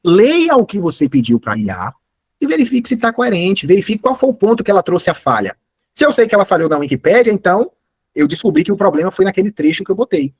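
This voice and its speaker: A man's voice: high-pitched, sing-song, quick pace, darkish tone, slightly rough, no echo. A man giving a live online class, explaining step by step and often correcting himself mid-sentence. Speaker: course instructor.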